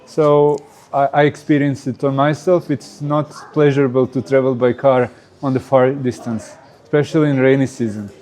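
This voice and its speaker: In casual interview answers, a Croatian guest speaks accented English hesitantly, leaning on many "uh" fillers and non-native phrasing. His mid-range voice has a darkish tone and fairly even intonation at a moderate pace.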